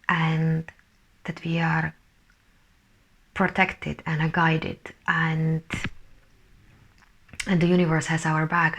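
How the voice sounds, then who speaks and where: A woman giving a casual spiritual energy update as a channeller, talking haltingly, searching for words and often dropping to a soft whisper. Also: low-pitched, vocal fry.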